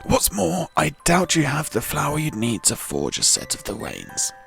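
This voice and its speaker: A man's voice: on the high side, wildly swooping pitch, measured pace, gravelly, a bit bright, heavily acted. A man voicing a polite, old-fashioned village mayor with formal, apologetic phrasing, over faint game music. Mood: courteous. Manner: formal, courteous, put-on British phrasing. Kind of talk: reading game dialogue aloud.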